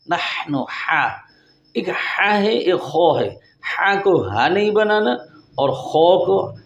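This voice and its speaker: Tajweed teacher, man, dull lo-fi audio. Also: mid-range voice. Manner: alternates plain explanation with slow, drawn-out melodic recitation. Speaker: Quran recitation teacher. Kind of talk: tajweed lesson, explaining rules and reciting verses.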